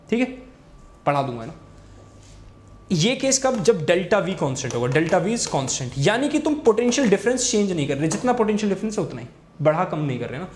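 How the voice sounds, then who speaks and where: Young male tutor, rapid and insistent, bright pitch, recorded in an echoey room. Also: a little hiss or hum. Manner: repetitive, urging students to pay attention. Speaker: physics teacher. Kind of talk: fast Hindi tutoring lesson with board writing. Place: room, recording a class video.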